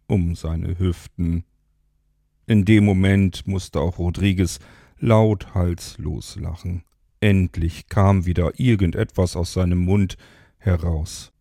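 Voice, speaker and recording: A man reads a bedtime story aloud at an unhurried, very slow pace. His voice is low, dark and gravelly. The recording is dry and close. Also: no echo. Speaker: narrator. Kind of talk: storybook reading.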